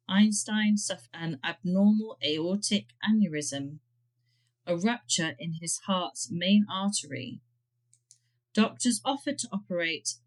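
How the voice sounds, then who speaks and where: A woman's voice: medium pitch, darkish tone. A woman narrating a scripted history podcast, dropping dry, wry asides between the facts.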